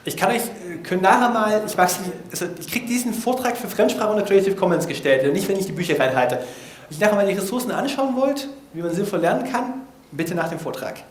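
High-voiced man giving a casual talk. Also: fast. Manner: lively, casual and self-mocking, with slangy asides. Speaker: speaker giving a talk on language learning. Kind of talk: informal conference talk. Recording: roomy, echoey hall.

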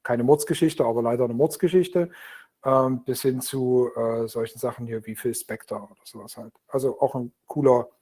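A man's voice: medium pitch, steady tone, normal speed, warm tone. A man from Dresden, a guest speaking casually over a video call from home, rambling with many fillers. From Dresden, Germany. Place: home in Berlin.

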